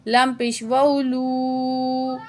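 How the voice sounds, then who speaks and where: A woman teaching Quran tajweed word by word. She spells out each letter and vowel mark, chants the words slowly and drawn out, and answers her own quiz questions in quick, quieter asides. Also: high voice, flat delivery. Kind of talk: word-by-word recitation lesson.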